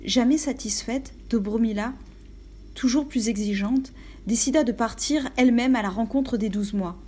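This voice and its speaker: A woman narrating a fairy tale in a calm storyteller delivery, dropping into hushed whispers at times. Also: on the high side, normal speed.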